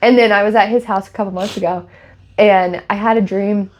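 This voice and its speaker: An animated woman telling a story in casual podcast chat. She laughs her way through the tale and keeps it lively. Her voice sits at an ordinary middle pitch for a woman. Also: fairly quick. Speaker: podcast co-host.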